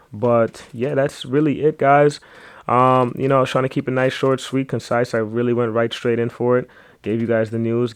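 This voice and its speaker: Alone on his podcast, the host rambles casually, tossing in lots of fillers and side comments. His mid-range voice sounds clean, with no room sound at all.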